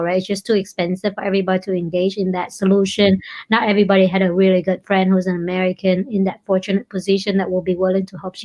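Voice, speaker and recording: A woman from Vietnam with a Vietnamese accent, a company founder speaking as an interview guest, earnest and often repeating words as she searches for them. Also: medium pitch.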